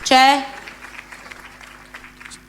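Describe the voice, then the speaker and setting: A woman's voice: drawn-out words, fairly bright tone, some chatter behind, a little hiss or hum. A woman with a Catanese Sicilian accent chatting casually as she hosts a live call-in show. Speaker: host and singer on a local call-in music show. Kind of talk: casual live chat with callers.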